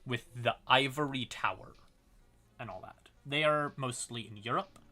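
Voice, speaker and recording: A man gives an informal livestream explainer on fantasy lore, halting and wry, with casual asides to his chat. His medium-pitched voice is bright and forceful.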